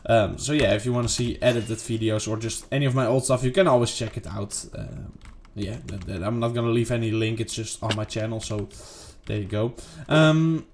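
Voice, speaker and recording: A man's voice: fairly quick, few pauses, a little hiss or hum. A man casually talking through his gameplay, rambling and second-guessing himself with lots of fillers. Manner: rambling, self-questioning, lots of fillers and "boom". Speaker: gaming video creator. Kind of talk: casual unedited gameplay commentary.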